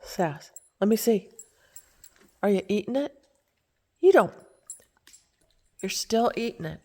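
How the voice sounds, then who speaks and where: A woman's voice: mid-range voice, moderate pace, mellow. A woman from Virginia talking baby-talk to her dogs at home, sometimes dropping to a whisper. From Virginia, United States. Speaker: pet owner. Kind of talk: casual talk to pets. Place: at home with pets.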